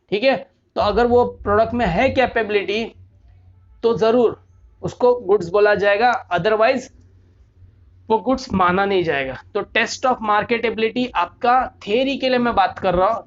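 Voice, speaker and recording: Male commerce lecturer, rhetorical questions, repeats key terms, muffled lo-fi audio. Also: high-pitched. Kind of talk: classroom lecture. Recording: dull lo-fi recording.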